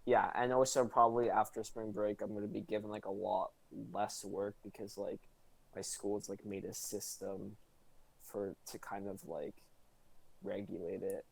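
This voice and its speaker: A man's voice: lowish voice, flat delivery, normal speed, vocal fry, breathy edge, low-quality recording. A young man, a student, chatting casually as a podcast guest, rambling with many fillers. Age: young adult. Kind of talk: casual chat.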